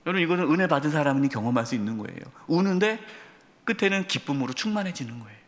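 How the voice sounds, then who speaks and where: A man's voice: on the high side, rapid-fire. A middle-aged male pastor preaching a sermon, telling stories and putting questions straight to his congregation. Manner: addresses congregation directly with questions; storytelling, animated emphasis. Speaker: senior pastor. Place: church sanctuary. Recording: long church hall reverb.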